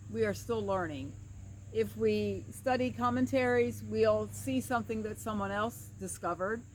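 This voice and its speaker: A middle-aged woman with an average-pitched voice speaks in a casual, reflective vlog style. Her words are slightly slurred, as though one side of her mouth were numb. She is outdoors, with clear insect and nature noise around her. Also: a bit bright, rough recording. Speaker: vlogger and pastoral counselor. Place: outdoors by a creek. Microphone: camera at a short distance. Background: insects and woodland ambience.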